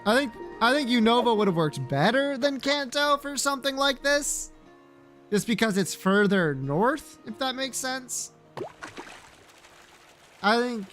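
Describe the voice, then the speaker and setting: Faint music underlies a man's casual gaming livestream, where he reacts to viewers with blunt, slangy, sweary, playfully opinionated comments. His very high-pitched, slightly bright voice has lively intonation and a measured pace broken by long pauses.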